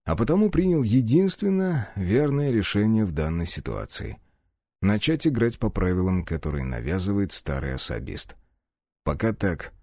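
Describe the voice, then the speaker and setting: A male audiobook narrator tells a first-person story in a wry, expressive manner. His voice is dark and mellow with a lively rise and fall, recorded dry and close. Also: lowish voice, normal speed, no echo.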